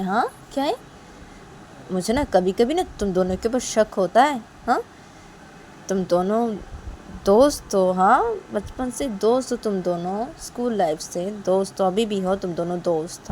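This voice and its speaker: A woman's voice: medium pitch, normal speed, a little mellow, slight background noise, lightly acted. A woman voicing a middle-aged mother who keeps questioning, tacking on nagging tag questions. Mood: probing.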